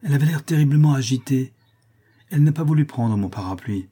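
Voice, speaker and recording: Brief: chatty, sympathetic old lady, read by a man with a husky voice. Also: mid-range voice, lively intonation, fast, mellow, voice pushed up. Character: kindly old woman, chatty and pitying.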